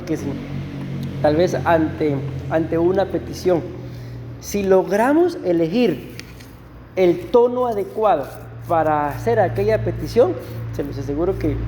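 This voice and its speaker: A male pastor giving a conversational sermon to his congregation, often slowing down to read verses aloud. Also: high voice, mellow, big-room sound, a little hiss or hum. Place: church.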